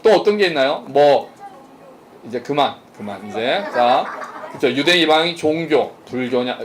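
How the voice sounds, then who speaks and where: A man's voice: medium pitch, expressive, a little slow, a little hiss or hum. A man pastor giving a conversational sermon at a church service, asking the congregation questions and joking with them. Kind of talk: interactive sermon.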